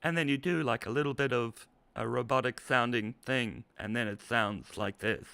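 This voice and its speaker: A man doing a gravelly robot computer voice. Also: mid-range voice, moderate pace, no room sound. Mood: robotic. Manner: monotone robotic delivery, spoken on an in-breath. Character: male robotic text-to-speech computer voice.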